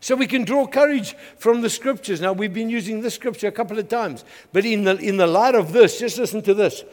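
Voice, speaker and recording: High-voiced South African pastor preaching. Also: male voice, a little fast. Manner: energetic, call-and-response, frequent "Amen". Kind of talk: sermon. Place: church hall. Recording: long hall reverb.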